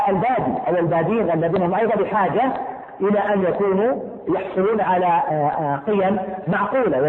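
A high-pitched man talks fast as he teaches a classroom lesson. He restates each point and turns to his students with questions. The sound is tinny and phone-like, with a long echo from the room around him. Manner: explanatory, repeats key points, asks students questions.

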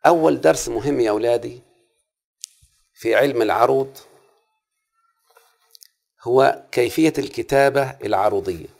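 A man's voice: mid-range voice, normal speed, creaky, long pauses, darkish tone. A man with an Egyptian accent teaching a classroom lesson on Arabic prosody, repeating the rules and checking that his students follow. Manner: repeats rules and checks understanding with frequent questions.

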